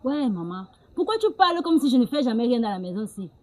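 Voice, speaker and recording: Young adult daughter, defiant, dismissive, fairly high voice. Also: female voice, big pitch swings, fast, noisy background. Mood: irritated. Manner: dismissive and talking back. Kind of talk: film drama acting.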